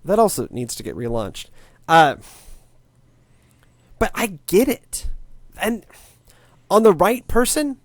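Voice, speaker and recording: A man's voice: high voice, very animated, takes it slowly, long pauses, no room sound. A man in his late twenties, a tech podcast co-host, chatting casually in a wry, rambling way with lots of restarts. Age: late 20s.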